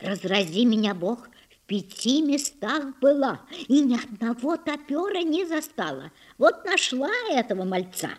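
A woman voicing a frightened young housemaid who talks in a hurried whisper. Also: fairly high pitch, sing-song. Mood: anxious.

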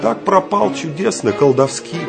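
A man reading a literary audiobook in a measured, expressive narration. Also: on the high side, creaky, over loud music. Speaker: audiobook reader.

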